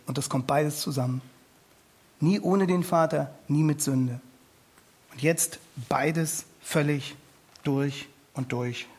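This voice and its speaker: A man delivering an impassioned sermon in a church, his voice sitting a little higher than most men's. He pleads with his listeners and repeats phrases for weight, slowing down to lean hard on key words. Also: husky. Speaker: preacher.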